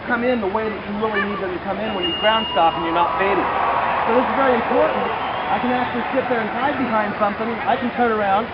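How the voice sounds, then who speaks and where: A middle-aged man performs an outdoor demonstration in a very high, projected voice. He explains step by step and throws questions to his audience. The sound is dull, picked up by a distant camera amid loud noise and a busy crowd. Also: fast. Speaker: archery show performer. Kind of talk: live demonstration patter to an audience. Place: outdoors on a fairground lawn. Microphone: distant camera microphone. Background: crowd and outdoor ambience.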